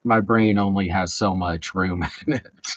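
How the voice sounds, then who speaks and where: A man with a Southern drawl talks slowly and casually in a very low voice, rambling and trailing off between thoughts. His voice comes through a headset mic that sounds dull and dry, with little room around it. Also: fairly even intonation, no room sound. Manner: rambling, halting with many fillers. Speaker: streamer building Lego. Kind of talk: casual live-stream chat.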